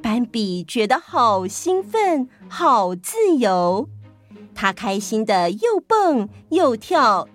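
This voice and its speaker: A woman stand-in host telling a children's story in a gentle, even way. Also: mid-range voice.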